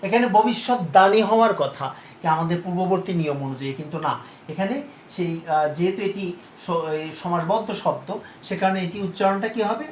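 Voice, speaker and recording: A male teacher giving a pronunciation lesson, speaking slowly and repeating each word while he asks his students questions. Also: sits high. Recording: echoey room with faint background noise.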